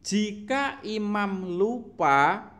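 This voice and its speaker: A young man slowly reading multiple-choice quiz questions to pupils, patient and drawn out, with rising question tones. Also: sits high, lively intonation, fairly bright tone. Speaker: teacher.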